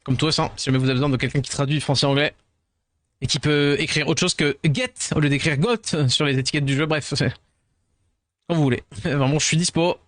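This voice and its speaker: Tired French streamer, higher voice. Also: male voice, fairly even intonation, fairly quick, fairly bright tone, no room sound. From France. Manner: rambling, self-deprecating, mixes in English words. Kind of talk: casual chat with viewers.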